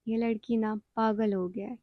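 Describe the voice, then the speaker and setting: A woman voicing a blunt, quick-tempered, loving old grandmother who scolds freely. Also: a little high, steady tone, no room sound, muffled recording, lightly acted. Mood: scolding. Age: older.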